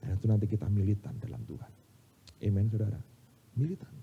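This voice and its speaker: Indonesian pastor preaching with animated delivery. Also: male voice, on the low side, quick pace, gravelly, phone-quality sound, slight background noise. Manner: animated storytelling, addresses congregation as "saudara". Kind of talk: sermon. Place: church sanctuary.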